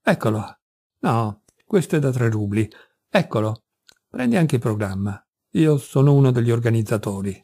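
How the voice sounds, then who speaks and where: An eager young friend in an audiobook, bubbling with persuasion, as a man reads him. The voice stays mellow and dark, recorded close and dry without room sound. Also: mid-range voice, lively intonation, normal speed, no echo. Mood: brisk. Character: lively enthusiastic young male friend.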